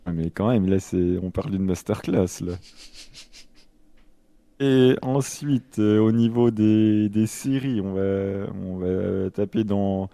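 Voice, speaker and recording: Male podcast co-host, playful and teasing, low mellow voice, halting casual chat. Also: fairly even intonation, dry recording.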